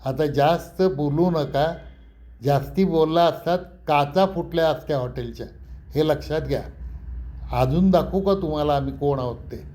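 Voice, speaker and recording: A man's voice: a little high, moderate pace, warm tone, natural voice. A man voicing a brash, wrestler-like young man who talks back in a defiant, mocking way. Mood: threatening.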